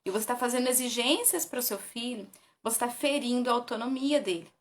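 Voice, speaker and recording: A woman's voice: on the high side, a little fast. A woman with a Brazilian Portuguese accent, a parenting educator, giving tips in a casual, conversational way and often tagging her sentences with a question. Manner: conversational, often ends with "né?", reads from notes.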